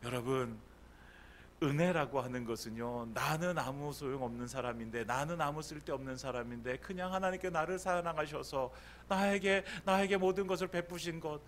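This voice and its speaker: A male pastor preaching a Sunday sermon, asking rhetorical questions and swinging between loud emphasis and hushed lines. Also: a little high, normal speed, slight background noise.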